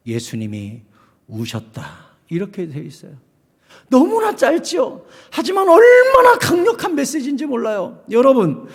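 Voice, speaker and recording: Impassioned male pastor in a reverberant church. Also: high voice. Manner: swings from hushed to shouting, acts out quoted voices. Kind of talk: sermon. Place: church sanctuary.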